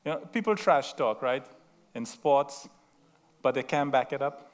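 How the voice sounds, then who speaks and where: With lively intonation at medium pitch and a measured pace, a middle-aged man with a Trinidadian accent preaches. The sermon wanders through anecdotes and asides, and he's self-mocking and talkative, often asking the room "right?"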